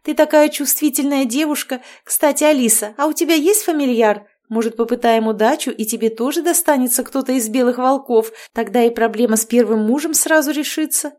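A woman's voice: sits high, a little fast, few pauses, a little mellow, voice pushed up, lightly acted. A woman voicing a middle-aged witch, an overbearing future mother-in-law who gushes and talks over everyone. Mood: gushing. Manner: effusive and bubbly, steamrolling over others.

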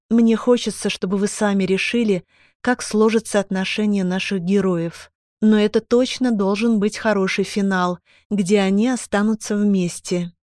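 A woman narrating a first-person audiobook romance and addressing her listeners, in a calm, even storytelling manner. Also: mid-range voice, dry recording, clean studio sound.

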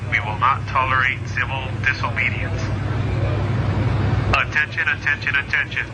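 Guy barking orders through a megaphone, raised pitch, heavy aircraft and engine noise behind. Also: fairly even intonation, normal speed. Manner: repeated commanding announcements. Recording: distant voice under loud aircraft noise.

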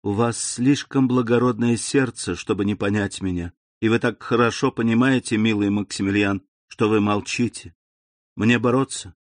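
A man's voice: on the low side, fairly even intonation, normal speed, dry recording, clean studio sound, lightly acted. A man voicing a young woman torn by family duty, pleading in a raised voice. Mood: distressed.

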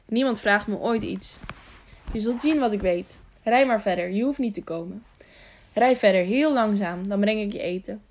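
A woman's voice: medium pitch, moderate pace, a little mellow, natural voice. A woman voicing a lonely, simple-minded young man who asks childlike, repetitive questions. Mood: eager.

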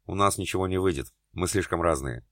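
A conflicted man fighting his own feelings, voiced by a male narrator. He is curt and bitter, with a very low voice. The recording is dry and close. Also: fairly quick, a bit bright, dry recording.

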